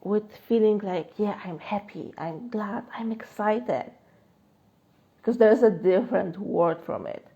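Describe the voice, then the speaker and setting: Unhurried and mid-range, a woman with a Polish accent, working as a life coach, responds to a live-stream chat loosely, with plenty of fillers and frequent laughs. Recorded on a phone, it has phone-quality sound.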